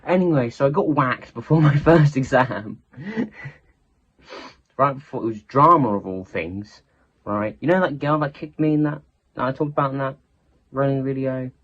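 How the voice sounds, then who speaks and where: A man's voice: medium pitch, normal speed, long pauses, fairly bright tone, muffled recording. A teenage boy, telling a rambling storytime story in casual chat and often cutting himself off. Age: teens. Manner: rambling, self-interrupting, chatty.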